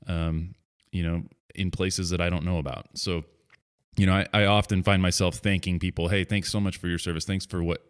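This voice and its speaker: A man in his thirties with a very low, deep voice hosts a podcast conversation. He talks casually and loosely, circling back with fillers like "you know" and restarting his sentences. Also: smooth. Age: 30s. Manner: rambling, many fillers and restarts. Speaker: podcast host. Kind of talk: casual interview chat.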